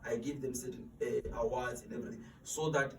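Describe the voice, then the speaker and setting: A man in his twenties, interviewed in a motivational talk, speaks earnestly about mentoring students, often repeating words while he searches for them. His mid-range voice is level and fairly quick, recorded in an echoey room with a distant mic and faint noise.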